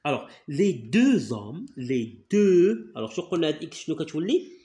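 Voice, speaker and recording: A man's voice: a little high, big pitch swings, fast talker, warm tone. A man with a Moroccan accent tutoring a child in reading, coaxing and repeating words to drill them. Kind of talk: reading lesson. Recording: echoey room.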